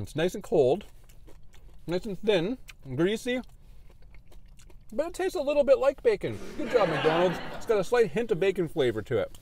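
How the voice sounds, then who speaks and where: A man chatting casually while reviewing fast food in his car, animated and laughing often. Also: high voice. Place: in a parked car.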